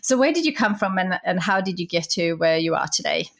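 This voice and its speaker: A woman's voice: fairly low pitch, animated, fairly quick, creaky. A woman hosting a podcast, asking enthusiastic, friendly questions. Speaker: podcast host. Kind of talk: podcast interview.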